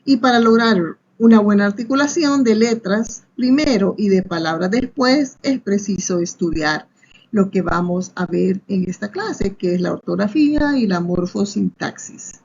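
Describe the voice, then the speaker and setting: A woman's voice: medium pitch, a little slow, gravelly, a little mellow, slightly rough. A woman teacher with a Salvadoran Spanish accent, giving a recorded online class and explaining step by step, often tagging on a questioning aside. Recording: muffled lo-fi recording.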